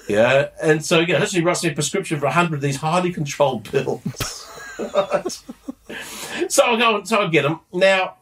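A middle-aged man telling a story on a podcast in a casual, animated way, laughing and restarting often. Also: a little high, normal speed, background noise. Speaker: podcast co-host.

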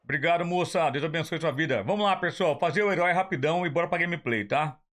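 A Brazilian man with a hoarse, raspy voice and a slushy lisp, chatting casually as he streams a game. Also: on the high side, fast talker, fairly bright tone. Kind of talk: casual livestream chat. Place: indoor room, streaming setup.

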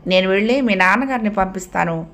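A woman's voice: mid-range voice, fast talker, a bit bright, natural voice. A woman reading the lines of an irritated mother who scolds her lazy son awake. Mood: scolding. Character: stern scolding middle-aged mother.

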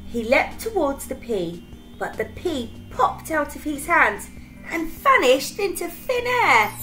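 A woman reading a children's picture book aloud in an expressive, dramatic storytelling manner. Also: high voice, slow pace, soft background music, rough recording.

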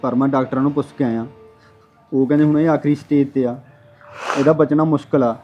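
A man's voice: mid-range voice, fairly even intonation, fairly quick, muffled recording, faint music behind, lightly acted. An actor playing a worried young husband who earnestly reassures an older woman. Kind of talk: village drama acting.

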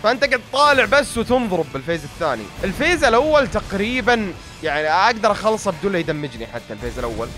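A young man with a Gulf Arabic accent rattling off gameplay commentary at a breakneck pace, his voice a touch high and audibly worn out. He grumbles, mocks himself and talks straight to his viewers, with faint music playing behind him. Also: big pitch swings, very fast, bright, forceful tone. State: tired, strained voice. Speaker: gaming YouTuber.

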